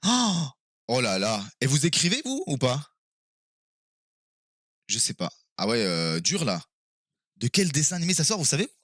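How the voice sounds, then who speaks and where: A man streaming live and playing a quiz game with his viewers, excitable and quick to exclaim and swear when he is stuck. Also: mid-range voice, no room sound, clean studio sound.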